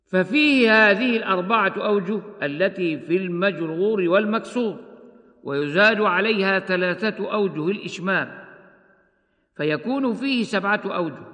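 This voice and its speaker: A man teaching the rules of Quran recitation, explaining each rule and then slowly chanting the examples. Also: high voice, sharp tone, in a large hall. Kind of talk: tajweed lesson with chanted examples.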